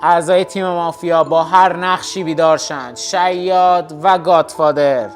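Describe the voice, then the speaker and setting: A man acting as narrator, moderating a social deduction game with brisk announcements. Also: a little high, steady tone, soft background music.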